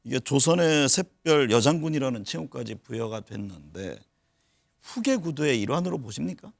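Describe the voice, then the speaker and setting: A man's voice: medium pitch, sing-song, normal speed, vocal fry, dry recording. A male TV news anchor hosting a political interview, asking polite questions and prompting with short backchannels.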